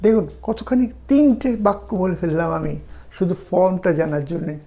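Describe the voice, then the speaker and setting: A woman teaching a language lesson, explaining grammar patiently and drilling example phrases slowly and deliberately. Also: fairly low pitch, expressive, dark tone.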